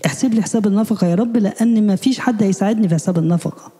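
A man with an Egyptian accent giving a spiritual sermon, asking rapid, pleading questions. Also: high voice, warm tone, long reverb tail. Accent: Egyptian Arabic. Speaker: preacher.

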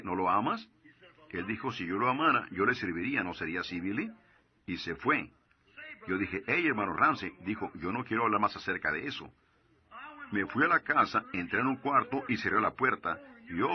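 A man with a lowish voice delivers a sermon in storytelling fashion. He slows down and leans on his warnings. The recording sounds dull and lo-fi. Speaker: preacher. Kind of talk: sermon in Spanish voice-over.

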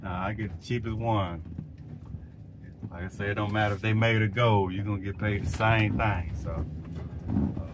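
A man's voice: lowish voice, fairly even intonation, moderate pace, pauses often, background noise. A man, an HVAC technician, casually vlogging his workday and talking to viewers as folks. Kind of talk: casual vlog narration. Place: on the go, store and truck.

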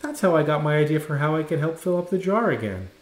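A man reads a children's picture book aloud, his pitch rising and falling in a lively storyteller's way. The recording has a noticeable roomy echo, as if made in a bare room. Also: quick pace. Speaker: storybook reader.

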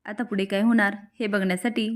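A woman recapping a TV serial episode in steady, plain storytelling narration. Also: medium pitch, a little fast.

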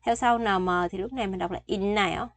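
A woman's voice: mid-range voice, fast, no room sound. A Vietnamese-speaking woman teaching Korean phrases, explaining each word patiently and repeating the sentences. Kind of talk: bilingual vocabulary lesson.

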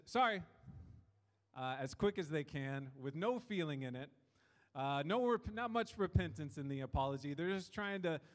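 A male pastor, preaching a sermon in a conversational, folksy way, with small fillers and restarts. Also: on the high side. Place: church hall. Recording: hall reverb.

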